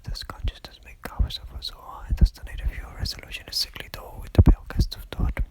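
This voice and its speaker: A fast, aggressive ASMR voice that whispers without any voicing at all. It recites classical dramatic verse non-stop, forcefully and hurriedly. The sound is close and lo-fi, straight into the microphone.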